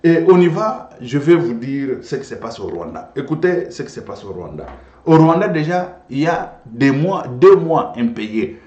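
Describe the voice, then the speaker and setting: A man's voice: mid-range voice, big pitch swings, normal speed, darkish tone, lo-fi sound. A man hosting political commentary, talking emphatically and addressing his viewers directly. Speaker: host commentator. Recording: roomy echo.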